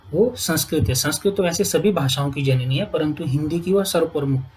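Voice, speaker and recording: A woman's voice: low-pitched, slight background noise, poor audio. Woman teaching grammar at a whiteboard. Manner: often adds "ठीक है" to check understanding; asks students questions and answers them herself.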